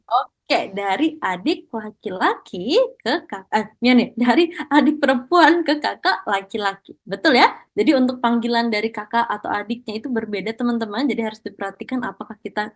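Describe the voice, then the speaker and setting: A woman with a high voice leads an online language lesson. She explains step by step and often praises her students. Her tone stays encouraging throughout. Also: expressive, moderate pace. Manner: encouraging, mixes Korean praise into Indonesian. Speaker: Korean language teacher. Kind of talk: online class teaching.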